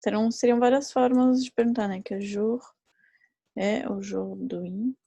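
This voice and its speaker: A woman teacher speaks slowly and patiently in a mellow, warm voice, going over each example again and again. The sound is close and dry, with no room around it. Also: mid-range voice, fairly even intonation, gravelly, slightly rough, no echo. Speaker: French teacher. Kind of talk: live online class.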